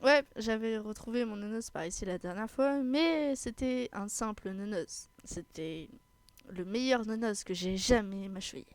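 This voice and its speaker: A woman's voice: mid-range voice, measured pace, dry recording, close to an everyday voice. A woman voicing a playful young dog girl who talks in a bouncy, insistent way. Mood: eager.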